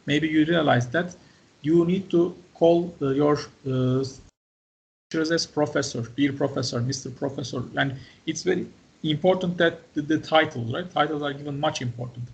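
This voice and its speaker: Man, lecturer, gravelly, a bit high-pitched, short phrases, keeps asking "right?". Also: normal speed, lo-fi sound. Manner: talks in short fragments, often asks "right?" and "okay?". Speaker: university lecturer. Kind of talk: online class lecture.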